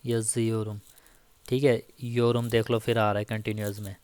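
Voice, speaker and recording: A man teaching Turkish grammar in a casual spoken lesson, slowly repeating each example and checking in often with the listener. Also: on the low side, flat delivery, darkish tone, clear, resonant tone, dry recording, clean studio sound. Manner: slow, repeats each example with frequent "theek hai".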